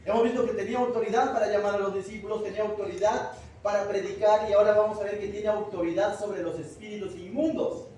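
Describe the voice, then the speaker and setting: Man preaching, high voice, questions to congregation, very echoey church, distant mic. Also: level tone, fast talker, darkish tone, a little hiss or hum. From Peru. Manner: conversational, asks the congregation questions. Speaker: pastor. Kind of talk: verse-by-verse Bible study sermon. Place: church hall.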